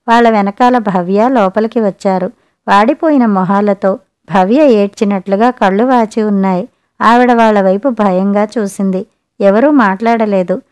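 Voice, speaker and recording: Woman narrating a story, steady and expressive, plain audiobook read. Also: mid-range voice, smooth.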